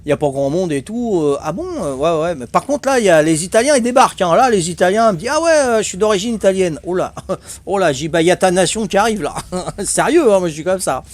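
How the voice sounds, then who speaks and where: A man's voice: high voice, animated, fairly quick. An older man from Corsica, telling funny anecdotes to his stream viewers in a chatty way and laughing at his own stories. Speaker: game streamer. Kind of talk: casual storytelling to stream viewers.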